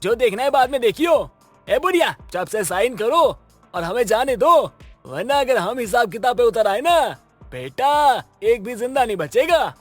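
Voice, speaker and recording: Blustering cartoon thug, very high. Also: male voice, sing-song, moderate pace, no room sound, faint music behind, exaggerated voice. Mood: menacing. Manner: blustering threats turning to whiny pleading. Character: bumbling middle-aged male thug, bullying but cowardly. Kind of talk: cartoon voice acting.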